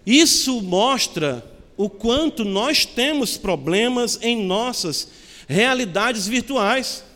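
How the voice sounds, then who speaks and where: A man's voice: extremely high pitch, animated, takes it slowly, bright, forceful tone, in a large hall. A male pastor preaching a sermon in an earnest teaching tone, often asking his listeners questions.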